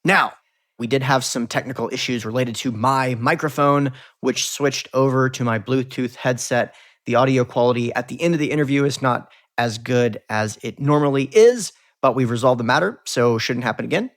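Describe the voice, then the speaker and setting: A man's voice: mid-range voice, moderate pace. A man hosting a podcast, upbeat and promotional in the intro, then friendly as he asks questions. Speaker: podcast host.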